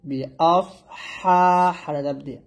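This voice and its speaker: Male Quran reading tutor, higher-pitched, slow and patient, drills syllables. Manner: patient, repeats syllables and chants the verses slowly. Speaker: Quran recitation teacher.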